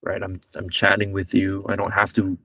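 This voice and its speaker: A man's voice: deep voice, flat delivery, moderate pace, sharp tone, slightly rough, dry recording, distant mic. Rambling young man from Malaysia. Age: 20s. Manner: rambling, self-correcting, joking. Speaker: podcast guest. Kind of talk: casual chat.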